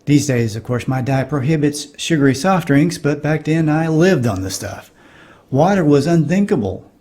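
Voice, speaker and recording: A man's voice: on the high side, lively intonation, moderate pace, darkish tone. A middle-aged man giving wry, nostalgic comedic narration for a cartoon.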